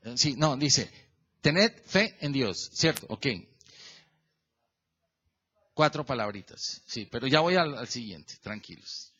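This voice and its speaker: A man's voice: medium pitch, slow, pauses often, dull audio. A male pastor preaching a sermon, questioning the congregation and calling on members by name as he works through a verse. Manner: lively and animated, stretching the verse phrase by phrase.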